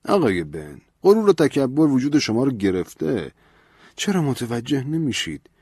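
A man's voice: medium pitch, sing-song, a little mellow, slightly rough, dry recording, studio quality, voice pushed up. A man voicing a stern, preachy priest who lectures in an earnest, raised voice. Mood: urgent, reproachful. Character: stern older male priest, pleading, preachy.

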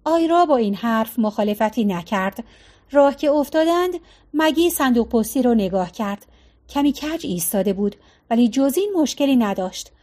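A woman narrating an audiobook in a calm, even storytelling manner. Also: fairly high pitch.

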